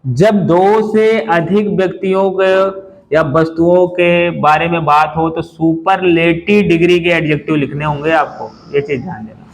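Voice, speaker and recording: A man teaching an English grammar lesson to a class. He explains slowly, spells words out letter by letter and often asks the class questions. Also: a little high, low-quality recording.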